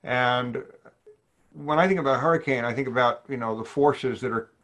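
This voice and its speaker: This psychiatrist, an older man from New Orleans, USA, has a mid-range, slightly bright voice. Lecturing physicians by webinar over slides from his home study, he speaks in a measured, thoughtful way and frequently puts questions to the audience, captured on a video call webcam.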